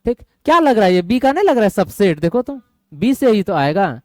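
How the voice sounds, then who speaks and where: A man's voice: high voice, very animated, a little fast, darkish tone, dry recording, clean studio sound. A male math teacher lecturing a classroom of students, often quizzing them and asking if they follow. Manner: quizzes students, keeps asking "getting my point?".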